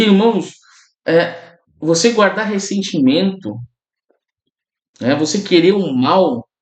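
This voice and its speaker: A man's voice: high-pitched, reverberant. A man preaching a sermon as a pastor, in a conversational way, often calling out to his listeners and checking in with them. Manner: conversational preaching, often addresses listeners as brothers and tags lines with "né?".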